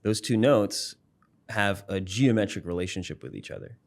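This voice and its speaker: A man, a psychology professor and musician, explaining ideas in a relaxed interview, thoughtful, with frequent fillers and restarts. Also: lowish voice, moderate pace. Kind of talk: casual explanatory interview talk.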